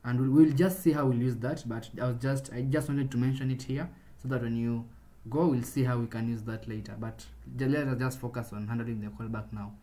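Male coding tutor, mellow warm voice, casual explainer who restarts sentences mid-thought. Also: medium pitch, fairly even intonation, fairly quick. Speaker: programming tutor. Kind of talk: screen-recorded coding tutorial.

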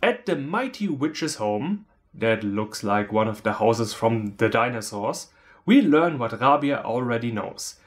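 A film reviewer with a German accent delivers scripted comedic review narration from a couch in a small indoor room. He is animated, sarcastic and theatrical, with a medium-pitched voice and an unhurried pace.

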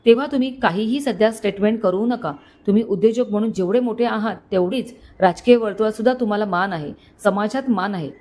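This is a woman playing a middle-aged male police commissioner in a told story. He is firm and in command, and he gives clear instructions. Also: medium pitch, fast talker, hardly any pauses, a little mellow, close to an everyday voice.

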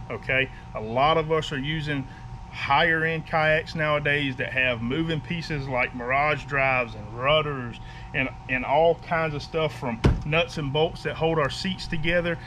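A fishing vlogger with a rather high voice talks casually to the camera in a driveway beside a house, going through his fishing gear and stopping often to ask "okay?" His style is folksy and emphatic. The camera mic is a few feet away, picking up outdoor background noise.

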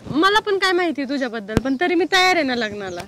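A woman's voice: sits high, big pitch swings, fast talker, background noise. A woman playing a young woman in love who insists on marrying soon. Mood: eager. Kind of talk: comedy sketch acting.

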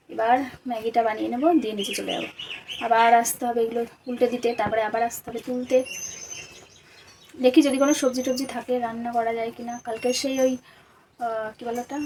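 A young woman narrates her household chores in a loose, rambling vlog chat. Her voice sits high and moves fast. A constant hiss of background noise runs under the recording. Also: a little mellow. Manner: chatty, rambling commentary on chores. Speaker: vlogger. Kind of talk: casual daily vlog narration. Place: home in a village. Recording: noisy background.

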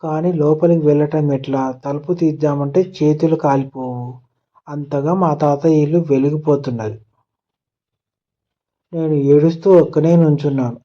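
A man narrating a children's moral story in a gentle storybook manner. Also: a little high, muffled recording. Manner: gentle storybook telling, voicing characters' lines in turn.

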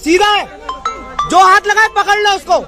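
A man at an outdoor street protest, shouting loud, commanding orders at the people around him. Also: extremely high pitch, steady tone, moderate pace. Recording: loud crowd and music outdoors.

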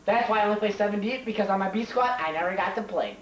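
A man's voice: sits high, fast talker, a little hiss or hum, close to an everyday voice. Teacher impression: boastful, petty basketball coach played by a young man, repetitive, comedy skit, roomy distant camcorder sound. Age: young adult. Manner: repetitive, self-important. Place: home kitchen. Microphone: camcorder across the room.

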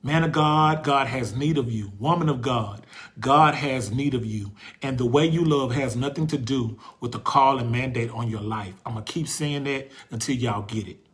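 Hosting a faith talk, a man in his forties speaks in a mid-range, slightly bright voice with preacherly passion. Repetition drives his emphasis, while reflective moments bring pauses as he hunts for words.

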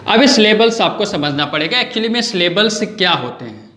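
A man's voice: high voice, sing-song, fairly quick, pushed and bright, echoey room. A male English grammar teacher giving an online lesson in speech, who keeps asking questions and answering them himself. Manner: asks questions and answers them himself, repeats key points.

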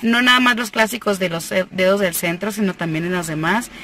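A woman's voice: mid-range voice, a little fast, pushed and bright, a little hiss or hum. A young woman, chatting enthusiastically as she unboxes cosmetics in a parked car, filmed on a phone held at arm's length. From Mexico. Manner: chatty and enthusiastic, laughs often. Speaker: cosmetics seller and vlogger. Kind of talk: casual unboxing chat. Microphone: phone camera at arm's length.

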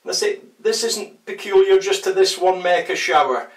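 With a high-pitched voice and moderate pace, an older man walks viewers through a casual DIY how-to, chatting wryly and making self-deprecating jokes. He's in a small tiled bathroom shower indoors, recorded from a distance with a roomy echo off the tiles.

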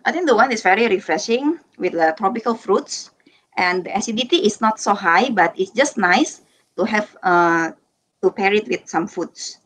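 A woman's voice: medium pitch, lively intonation, moderate pace, a bit bright, rough recording. A young woman from Indonesia, a sommelier, chatting casually while tasting wine on a video call. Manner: casual, chatty, informal phrasing. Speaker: sommelier guest.

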